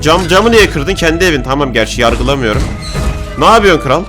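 A young man rattles through his gameplay at a quick clip, joking and yelling at the characters on screen. His voice sits a little high. Game music plays steadily under him. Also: expressive. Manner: loud, jokey, shouting at game characters. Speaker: gaming YouTuber. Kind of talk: excited let's-play commentary.

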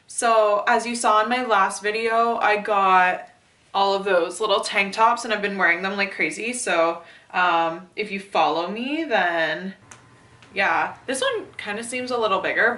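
A woman's voice: medium pitch, bright, forceful tone, roomy sound, distant mic, slight background noise. A woman in her twenties chatting casually and rambling on a vlog about fitness gear, swearing now and then, speaking to a camera in a small bedroom. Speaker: fitness vlogger. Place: small bedroom, then inside a parked car.

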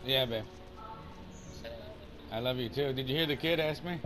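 A man's voice: mid-range voice, normal speed, over loud music. A man in his forties chatting casually with a teammate during an online game, easygoing and calling people bud and dude. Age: 40s. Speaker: gaming YouTuber. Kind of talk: casual voice chat while gaming. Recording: loud background noise.

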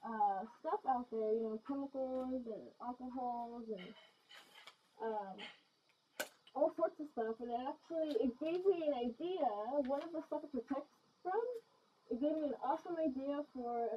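A woman's voice: sits high, moderate pace, muffled recording, slight background noise. A woman chatting casually in a vlog while wearing a gas mask, rambling and giggly with many ums and restarts. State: talking through a gas mask. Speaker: vlogger.

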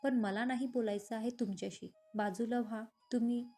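A woman's voice: fairly high pitch, fairly even intonation, moderate pace, dark tone, soft background music. A woman voicing a proud, defiant young woman. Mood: angry. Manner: hurt and defiant. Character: proud, strong-willed young woman from a poor family.

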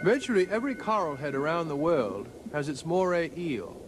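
A man narrating a scripted nature documentary in a measured, formal storytelling manner. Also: a little high, lively intonation, noisy background. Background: background music.

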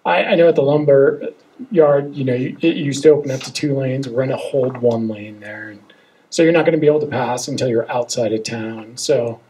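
Man explaining road plans, mellow voice. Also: mid-range voice, brisk, poor audio. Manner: conversational, hedging with fillers, reassuring. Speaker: transportation engineer answering questions. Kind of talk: town hall explanation. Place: meeting room, indoors. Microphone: handheld mic at a podium.

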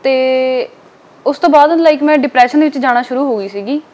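A woman's voice: high voice, darkish tone. A young woman from Punjab in India, speaking frankly as a guest in a casual interview and filling her talk with small tag words. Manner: quick, frank and plain-spoken, with many filler tags.

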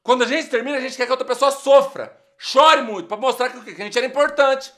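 A man playing a jealous, shouting ex-boyfriend. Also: extremely high pitch, lively intonation, moderate pace, voice pushed up. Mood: frantic jealousy. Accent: Brazilian. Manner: loud, frantic, shouting in jealous outrage. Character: heartbroken young man obsessed with his happy ex.

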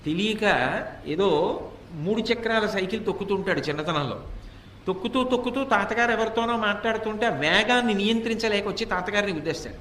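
A man's voice: high-pitched, animated, fairly quick, fairly bright tone, echoey room, far from the mic, slight background noise. A man giving a devotional discourse, asking rhetorical questions and acting out quoted speech. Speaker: religious discourse speaker.

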